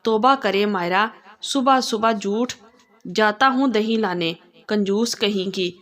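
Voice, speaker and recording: A woman's voice: medium pitch, takes it slowly, a bit bright. A woman voicing an affectionate, playful young husband in a read-aloud story. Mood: grumbling. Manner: fond and playful.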